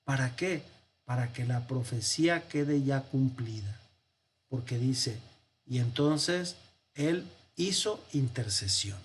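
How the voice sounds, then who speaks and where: A man's voice: mid-range voice, slow pace, slight background noise. A priest giving a Bible class, explaining a text step by step and answering his own rhetorical questions. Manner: walks through a text on screen, counting and pointing.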